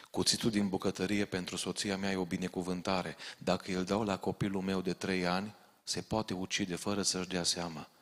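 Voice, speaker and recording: A man with a very deep, low voice preaches to his congregation. He speaks with urgent, pointed warnings, and his words ring out in the long reverb of a large church hall. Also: a bit bright. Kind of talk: sermon.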